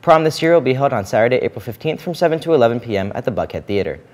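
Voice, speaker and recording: Fast-reading teen boy anchor, mid pitch, school broadcast. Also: big pitch swings, a little mellow. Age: teens. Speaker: student news anchor. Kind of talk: reading announcements. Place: school studio, indoors.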